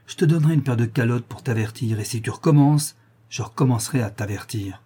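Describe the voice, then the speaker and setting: A young man voiced by a man reading an audiobook holds back fierce anger and gives firm warnings. The voice is dark and husky. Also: medium pitch, a little fast, lightly acted. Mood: restrained anger.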